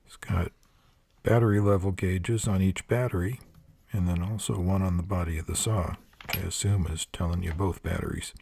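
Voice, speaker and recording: Older guy doing a hands-on tool review at a workbench, deep gravelly voice, dry practical asides. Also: steady tone, normal speed, a little mellow, slight background noise. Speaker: product reviewer. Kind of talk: hands-on product review narration. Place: workshop table.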